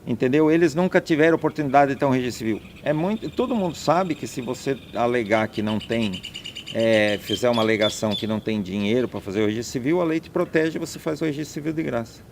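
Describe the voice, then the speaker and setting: This landowner talks fast in a medium-pitched, creaky voice during a conversational interview. He stresses his points forcefully, listing them and repeating them in turn. There is a little hiss or hum on the recording.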